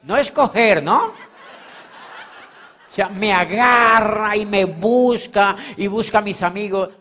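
A man giving an animated, emphatic motivational talk, repeating phrases and checking in with his audience. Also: high voice, slow. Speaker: motivational speaker. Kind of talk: live motivational seminar talk. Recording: long hall reverb.

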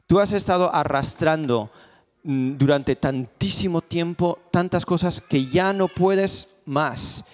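A male pastor preaches, telling stories and hammering points home through rhetorical questions and repetition. His voice sits a bit high and carries a long reverb the church hall. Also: takes it slowly, faint music behind. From Spain. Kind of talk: sermon. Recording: echoey hall.

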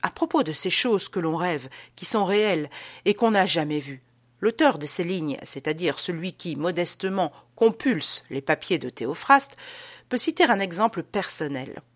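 A woman with a slightly low voice reads a classic novel as an audiobook. Her narration is measured and expressive, shaping each sentence with care.

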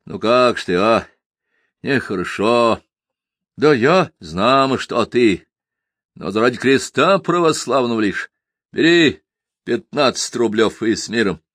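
A man's voice: medium pitch, expressive, takes it slowly, a bit bright, dry recording, clean studio sound. A man voicing a shrewd, prosperous merchant who talks in a folksy, wheedling and sometimes stern way.

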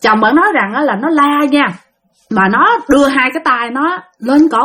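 A woman with a Southern Vietnamese accent narrating a ghost story, talking lively and addressing her listeners directly. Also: high-pitched, moderate pace.

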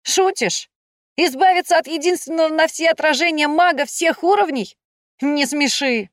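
A brash young king, as a woman reader puts him on, jokes and scoffs in a high, jumpy voice. He sounds mocking and exaggerated, and the reading is close and dry. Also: animated, normal speed, no room sound, natural voice. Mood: teasing. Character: playful young male king, teasing and brash.

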